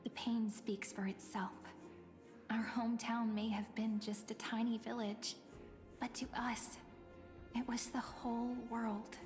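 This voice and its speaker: A woman plays a dreamy, teasing young woman from an anime-style game. She speaks slowly in a high, gentle, theatrical voice, in long reverb over music. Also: level tone, lightly acted. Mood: tender, earnest. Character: sweet, playful young woman, dreamy childhood friend.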